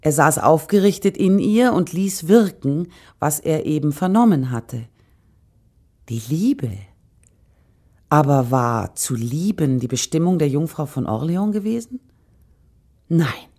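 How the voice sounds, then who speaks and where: A woman narrating a literary story in calm first person. Her voice sits low and steady as she reads. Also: a little slow. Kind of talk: scripted narration.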